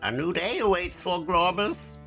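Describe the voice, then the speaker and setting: A woman plays an alien posing as a human shopkeeper, with stilted, overly formal phrasing and thoughtful hums. The voice is gravelly and bright, and it swoops widely in pitch. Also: expressive, measured pace, soft background music. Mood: pompous. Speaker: streamer playing a shop game.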